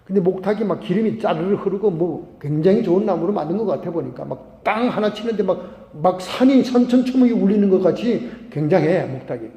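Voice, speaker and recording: A high-voiced middle-aged man preaching from the pulpit, his tone mellow rather than bright. He tells his story with animation and acts out the voices of the people in it. The sound rings through a large church hall with long reverb. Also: lively intonation, a little fast, few pauses. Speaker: pastor. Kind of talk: sermon with storytelling. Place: church sanctuary.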